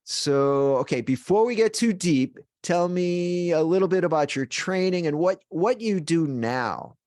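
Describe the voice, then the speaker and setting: A man's voice: high voice, animated, a little slow, darkish tone, no echo. Male podcast host, casual, musing, dry close recording. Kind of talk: conversational interview.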